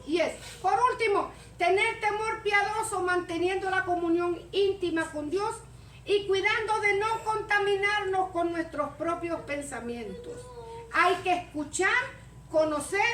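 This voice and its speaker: A woman delivers a sermon in a very high, bright-edged voice, acting out stammers and little scenes. She sounds distant from the mic, with church echo and a faint hiss behind her. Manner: animated, acts out stammering and scenes. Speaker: preacher. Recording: echoey church room, mic far off, faint noise.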